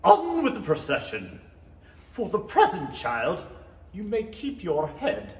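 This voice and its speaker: A haughty, short-tempered queen acted by a man, high-pitched and swinging wildly in tone. The words are drawn out with royal command, echoing in a hall. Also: wildly swooping pitch, slow pace, slight background noise, heavily acted. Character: imperious, bad-tempered Queen of Hearts, grown woman. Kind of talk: 1930s-style stage radio play acting. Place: small theatre stage. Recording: echoey hall recording.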